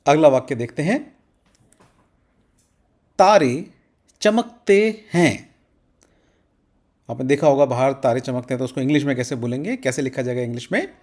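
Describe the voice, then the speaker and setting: A man teaching English to Hindi speakers in an Indian accent, saying each example sentence slowly and word by word. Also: medium pitch, darkish tone. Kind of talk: slow explanatory language lesson.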